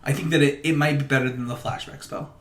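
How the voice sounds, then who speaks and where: A man's voice: medium pitch, steady tone, fast talker, fairly bright tone. A man co-hosting a podcast, chatting casually and with strong opinions, often repeating words as he talks over the others. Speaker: podcast co-host. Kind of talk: casual chat about card games. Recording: roomy home recording.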